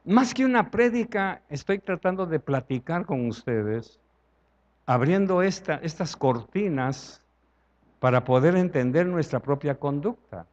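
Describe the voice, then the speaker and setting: A man's voice: on the high side, lively intonation, unhurried, a little mellow, highs cut off. A man with a Salvadoran Spanish accent preaching a conversational sermon in church, acting out dialogue and asking the congregation questions.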